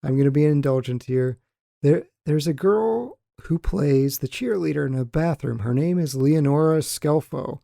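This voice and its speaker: A man co-hosting a movie podcast, talking through scenes in a relaxed, dry way. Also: fairly high pitch, moderate pace, vocal fry, dry recording. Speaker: podcast co-host. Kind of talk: casual movie-talk chat.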